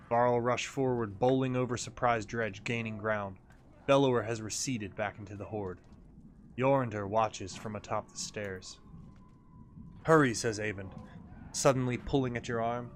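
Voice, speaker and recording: A man reading a game's story text aloud as a narrator, in a measured, dramatic storytelling manner. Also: mid-range voice, fairly even intonation, slight background noise. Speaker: video game player and narrator.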